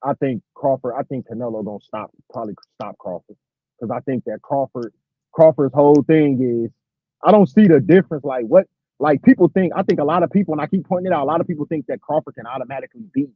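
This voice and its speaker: A man's voice: mid-range voice, quick pace, breathy edge, no echo. Man on a breaking-up call line. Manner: rambling, repeats fillers. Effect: breaking-up online call audio. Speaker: panelist calling in. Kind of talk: casual sports debate. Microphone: remote call mic. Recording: muffled, dry call line.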